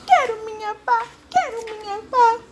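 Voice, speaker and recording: A woman voicing a wailing male monkey in a storybook read-aloud, crying in a high whiny voice. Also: expressive, measured pace, heavy background noise. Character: wailing childlike male monkey, tail lost.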